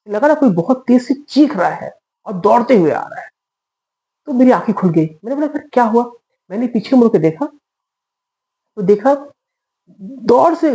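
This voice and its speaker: A woman's voice: lowish voice, mellow, rough recording. A woman telling a personal story in casual conversational style, chatty with fillers and asides to her listeners.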